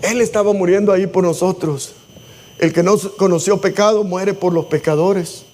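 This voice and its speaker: A man preaches to his congregation in a strikingly high voice. He pleads and exhorts, dropping into spoken prayers. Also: fairly even intonation, moderate pace, a little mellow. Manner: impassioned preaching, acts out prayers. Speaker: pastor. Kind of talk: sermon. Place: church.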